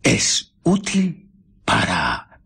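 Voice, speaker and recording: A heavily acted male performance of a menacing, embittered invisible scientist for a Spanish radio drama, spoken with a Castilian accent. His medium-pitched voice swoops wildly and has a sharp tone, with husky breathing and intense, halting stresses that sink to whispers. It feels cold and calculating.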